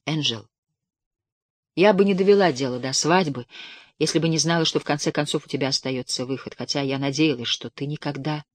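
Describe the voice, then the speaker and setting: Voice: mid-range voice, brisk, dry recording, studio quality, close to an everyday voice. A reader voicing a remorseful, pleading young woman in a dramatic audiobook reading, tearful and imploring.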